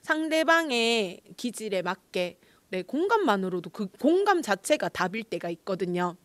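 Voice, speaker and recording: A woman's voice: medium pitch, sing-song, moderate pace, fairly bright tone, dry recording. A middle-aged woman, a pastor's wife, giving a chatty online lecture, laughing often and acting out quoted lines.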